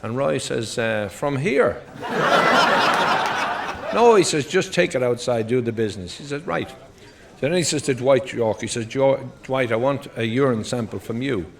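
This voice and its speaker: Animated Irish stand-up comedian. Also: male voice, mid-range voice, a little slow, gravelly, a crowd in the background. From Ireland. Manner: rattles off one-liners and short joke stories, acting out quoted characters. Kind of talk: stand-up joke telling.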